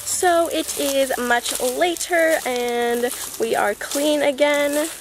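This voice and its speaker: Filmed at arm's length indoors in a beach house kitchen, a teenage girl vlogs about her travels, cheerful and casual, sprinkling in "super" and "so cute." Her voice is high and slow, with pop music underneath and low recording quality.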